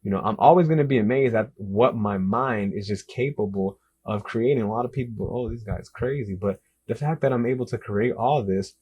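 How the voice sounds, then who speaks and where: A man's voice: lowish voice, brisk, hardly any pauses, a little mellow, husky, lo-fi sound. A young man, an author, answering interview questions in a casual, enthusiastic way and repeating himself often. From Dominican Republic and the US Northeast and South. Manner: enthusiastic, repetitive, lots of "literally" and "like".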